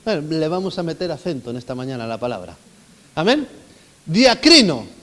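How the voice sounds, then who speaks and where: A male pastor preaches with emphatic swings between loud calls and hushed asides, often asking the congregation questions. His voice sits high for a man. The sound rings with the long reverb of a church hall. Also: big pitch swings, fast. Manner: emphatic, rising and falling dynamically, asks the congregation questions. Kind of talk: sermon.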